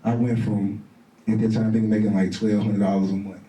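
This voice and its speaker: Man, middle-aged, animated storyteller, dark voice, roomy distant sound. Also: fairly low pitch, brisk. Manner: animated, acts out quotes in raised voice. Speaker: guest. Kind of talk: casual storytelling.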